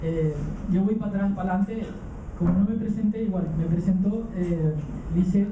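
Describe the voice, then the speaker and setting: A man's voice: high voice, normal speed, warm tone, a little hiss or hum. Hesitant man speaking in a roomy hall. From Canary Islands, raised in Venezuela. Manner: hesitant, many fillers and restarts. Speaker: conference speaker. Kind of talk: live conference talk. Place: conference hall. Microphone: handheld mic held away from the mouth. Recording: roomy hall, distant mic, dull sound.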